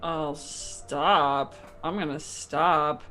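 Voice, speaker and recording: A woman's voice: deep voice, fairly even intonation, drawn-out words, fairly bright tone. A woman chatting casually as a player in a tabletop role-playing game, with music behind her. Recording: music under the voice.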